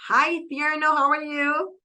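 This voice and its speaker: A woman's voice: sits high, fairly even intonation, a little slow. A woman hosting a casual interview over a video call, encouraging her guest with friendly prompts and frequent "um"s. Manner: warm encouraging prompts, hesitant fillers. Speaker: host.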